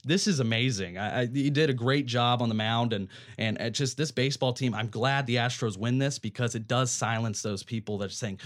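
A man's voice: mid-range voice, a little fast, few pauses. A young man hosting a casual sports talk show, eagerly sharing stats and trivia. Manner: enthusiastic, trivia-loving.

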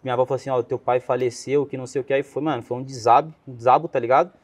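This young guest speaks in a mid-range voice with fairly even intonation, rapid-fire. He tells a personal story with a Brazilian Portuguese accent, slangy and rambling, and keeps quoting his own words.

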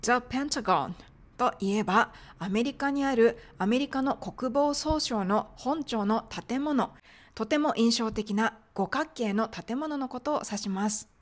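A woman's voice: a little high, unhurried. A woman teaching medical English pronunciation in a polite, explanatory podcast lesson.

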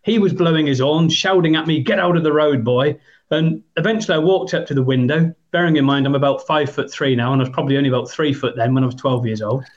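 A man's voice: mid-range voice, fast talker, few pauses, dull audio. A man in his fifties with an English accent, telling long rambling stories as a podcast guest, with many hesitant ums. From England. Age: 50s. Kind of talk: storytelling in a podcast interview.

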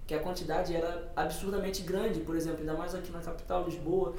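A man's voice: fairly high pitch, little pitch movement, brisk, a little mellow, distant mic, slight background noise. A young Brazilian man chatting casually as a podcast guest, laid-back, often calling the host "mano". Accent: Brazilian Portuguese. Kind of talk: casual chat. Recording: roomy echo, a bit off-mic.

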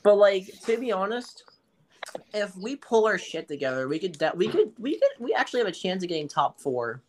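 A man's voice: high voice, sing-song, fairly quick, slight background noise. A man co-hosting a casual gaming chat, joking and crude, often laughing. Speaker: podcast co-host.

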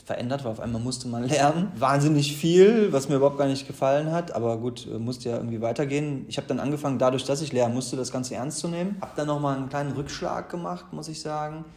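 Speaking quickly with barely a pause, this Ruhr-area man in his thirties tells his personal story in a relaxed, chatty manner full of fillers and restarts. His medium-pitched voice is slightly mellow, and the room echoes.

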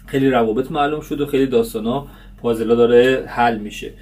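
A man's voice: medium pitch, fairly even intonation, darkish tone, distant mic. A man hosting a casual review vlog about a TV series, chatty and full of fillers.

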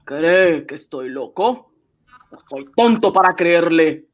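Angry, uneasy police inspector. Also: male voice, fairly high pitch, expressive, takes it slowly. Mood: threatening. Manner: barking demands, gasping unease. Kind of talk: radio drama acting.

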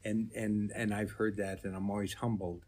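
A man's voice: lowish voice, flat delivery, moderate pace, darkish tone. A man speaking as a comedian guest in an interview, telling stories conversationally and repeating phrases for emphasis.

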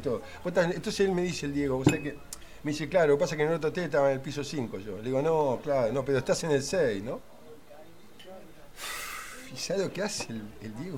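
Man doing earnest middle-aged storyteller, Rioplatense accent, rambling, full of asides, a bit high-voiced. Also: natural voice. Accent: Rioplatense Spanish. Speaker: friend telling anecdotes. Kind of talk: comedy sketch monologue.

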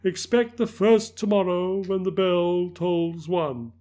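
A man's voice: high voice, slow pace, dark tone, voice pushed up. A man voicing the anguished ghost of a dead miser, wailing and declamatory. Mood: warning.

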